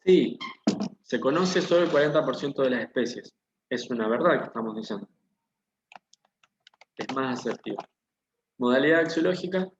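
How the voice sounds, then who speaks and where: A man teaches a class at an even pitch, walking his students through each example with patient questions. His voice sounds muffled and carries a roomy echo, with faint typing behind it. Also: moderate pace, pauses often, background noise. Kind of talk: online class lesson. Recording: dull, echoey room audio.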